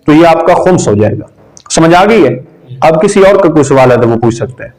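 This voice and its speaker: A man with a somewhat high voice teaches a religion lesson to students gathered in a room. He is patient and says each key term slowly. He often stops to check that the class understands. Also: animated, darkish tone, rough recording.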